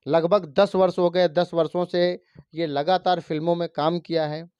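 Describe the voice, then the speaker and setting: A man's voice: on the high side, level tone, normal speed, darkish tone, clean tone, no echo. A man working as a news reporter, formally introducing a guest and asking questions. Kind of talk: news interview. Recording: slightly muffled, dry recording.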